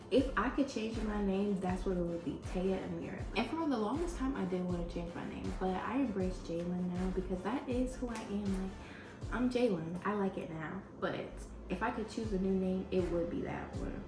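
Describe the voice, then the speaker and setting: A woman's voice: medium pitch, lively intonation, moderate pace. A young woman vlogger talking casually and informally, with slang and musing questions to herself, as in a Q&A. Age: young adult. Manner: informal slangy, muses aloud with rhetorical questions. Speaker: YouTuber. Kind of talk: casual chatty Q&A vlog. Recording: roomy echo, music behind. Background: music.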